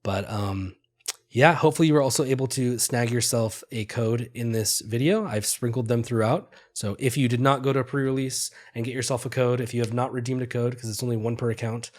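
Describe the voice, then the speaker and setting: A man's voice: medium pitch, fairly quick. A man with a congested, nasal voice from a cold, casually recapping his card game deck for his video audience with lots of fillers. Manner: relaxed, filler-heavy, upbeat. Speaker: gaming video creator.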